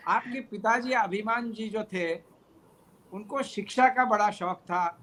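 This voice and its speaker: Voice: mid-range voice, slow pace, a bit bright, a little hiss or hum, low-quality recording. An interviewer who asks long, polite questions and praises the guest.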